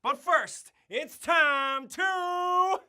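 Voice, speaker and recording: Hammy cowboy sheriff guy for kids, someone putting it on, fake drawl, bright tense voice, yells yeehaw. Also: extremely high pitch, very slow, heavily acted. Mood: hammy cheerful. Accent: put-on American cowboy drawl. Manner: hammy, showy, yelling catchphrases. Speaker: road-safety mascot addressing children. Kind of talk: scripted kids' safety promo.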